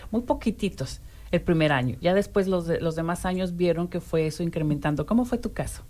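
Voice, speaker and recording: A woman hosting a radio interview show in casual, chatty Spanish conversation, warm and playful with frequent restarts. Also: lowish voice, lively intonation, a little fast.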